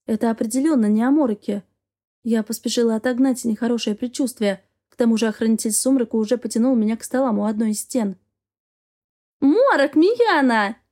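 A woman reads a fantasy novel aloud in the first person, measured and expressive. Her voice is fairly high with a soft, mellow warmth. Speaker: audiobook narrator.

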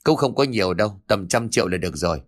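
A man's voice: fairly low pitch, animated, fast talker, close to an everyday voice. A man voicing a spiteful middle-aged village woman who sneers and scolds. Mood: spiteful scolding.

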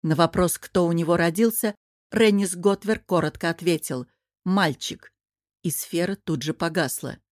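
A woman narrates a fantasy novel in a steady, expressive way. Her voice sits slightly low, and the recording is dry and close. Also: normal speed, no room sound. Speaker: audiobook narrator.

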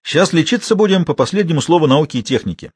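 A bold village man who shouts heartily and coaxes, voiced by a male reader. His voice is husky in this storybook reading, recorded dry and close. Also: fairly high pitch, lively intonation, fast, no room sound, pitched above the performer's own voice. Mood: hearty. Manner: loud and hearty, then mumbling. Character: bold young village man, pushy, coaxing.

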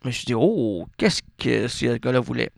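A man's voice: mid-range voice, expressive, normal speed, creaky, dry recording, studio quality. A man with a Québécois French accent, a radio host telling a rambling comic monologue full of absurd asides and self-interruptions. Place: radio studio.

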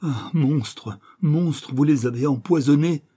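A terrified young woman cries out in horror, her voice pushed high and loud, as a man reading the story puts her on. A husky edge stays under the raised voice. It plays like a dramatic storybook reading. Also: slow. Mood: horrified. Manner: crying out in horror.

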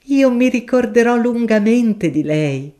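A woman's voice: fairly high pitch, lively intonation, a little slow, warm tone, pitched above the performer's own voice. A woman voicing a mild, modest, bookish male professor, with a raised, polite and bashful manner. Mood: polite, cheerful.

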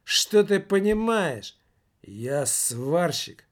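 A man's voice: high voice, big pitch swings, drawn-out words, voice pushed up, heavily acted. A man voicing a coarse, defiant drunk male welder with a slurred drawl, reading a novel aloud.

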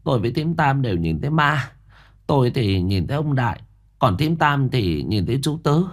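A man's voice: mid-range voice, big pitch swings, moderate pace, voice pushed up. A man voicing an anxious, bossy older village woman who presses and urges. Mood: urgent. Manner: urgent, insistent.

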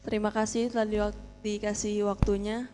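A woman's voice: mid-range voice, little pitch movement, moderate pace, dark tone, faint music behind. A woman in the audience politely asking the preacher a question, hesitant with many fillers. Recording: reverberant hall.

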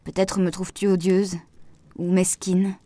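A woman's voice: lowish voice, flat delivery, measured pace, dark tone, no room sound, close to an everyday voice. A woman voicing an insecure, hopeful young woman in an audiobook, pleading and a little raised. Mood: tentative. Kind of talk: audiobook dialogue reading.

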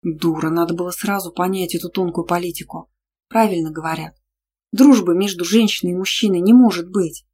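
A woman's voice: lowish voice, fairly quick, mellow, breathy edge. Female audiobook narrator, first-person, emphatic delivery.

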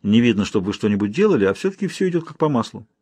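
A self-assured young gentleman, read by a male audiobook narrator, speaks calmly and persuasively. The voice is husky with a dry, close recording sound. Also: lowish voice, very fast, dry recording. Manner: calm, matter-of-fact and persuasive. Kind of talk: audiobook character voice.

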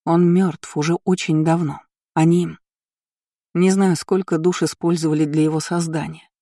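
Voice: medium pitch, normal speed, no echo, studio quality, lightly acted. A narrator voicing a guarded young woman who answers curtly and sharply. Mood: flat. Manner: flat, curt, then snapping. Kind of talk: audiobook character voice.

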